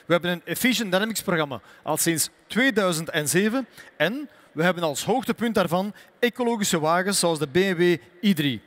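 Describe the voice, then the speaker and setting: High-voiced executive speaking formally. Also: male voice, expressive, a bit bright. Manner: formal, measured delivery. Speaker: company executive. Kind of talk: prepared press statement. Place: expo hall.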